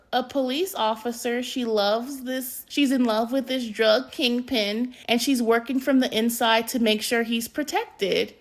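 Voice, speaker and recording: A woman co-hosting a casual movie review, giving emphatic, opinionated takes. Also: high voice.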